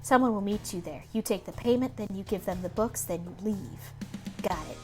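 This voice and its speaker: A woman's voice: medium pitch, brisk, music in the background, close to an everyday voice. A woman voicing a brash, foul-mouthed young woman who deals in shady books and bosses her friend around. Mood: instructing. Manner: blunt, swearing, bossy.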